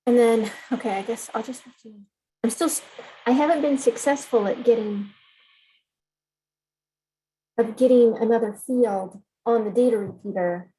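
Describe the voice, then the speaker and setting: A woman's voice: a little high, dark tone, breathy edge, rough recording. Hesitant woman on a video call. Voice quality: call audio breaking up at times. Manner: hesitant, halting, restarts her question. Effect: remote caller's voice over a video call. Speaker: webinar attendee asking questions. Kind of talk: live Q&A question. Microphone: computer or headset mic on a video call.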